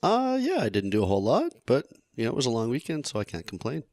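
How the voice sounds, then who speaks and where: A man's voice: medium pitch, wildly swooping pitch, fast talker, darkish tone, no echo. A man co-hosting a podcast in casual chat, easygoing with short replies. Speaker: podcast co-host.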